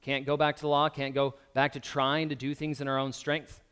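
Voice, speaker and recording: A man preaching a sermon in a relaxed, conversational way, with frequent fillers and restarts. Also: medium pitch, brisk, clean tone. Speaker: pastor.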